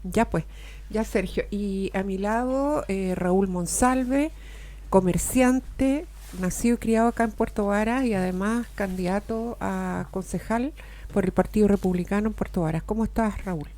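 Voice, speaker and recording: A woman with a Chilean accent hosts a casual radio talk show from a studio, chatting and reading sponsor spots in a medium-pitched voice at an unhurried pace. She's chatty, adding warm asides, occasional laughs, and filler "eh".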